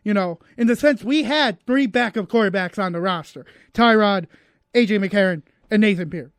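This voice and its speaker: A man's voice: sits high, moderate pace, no room sound. A man co-hosting a radio sports talk show, chatting casually and restarting his sentences often. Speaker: radio co-host. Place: radio studio.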